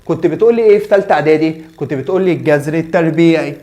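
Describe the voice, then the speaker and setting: Fast-talking Egyptian man teaching math. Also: a little high, warm tone. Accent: Egyptian Arabic. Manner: chatty, asks and answers his own questions. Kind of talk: whiteboard math lesson.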